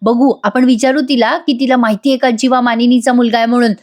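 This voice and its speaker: A woman's voice: a little high, steady tone, quick pace, darkish tone, close to an everyday voice. A woman voicing a scheming middle-aged aunt who exclaims melodramatically. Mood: dramatic.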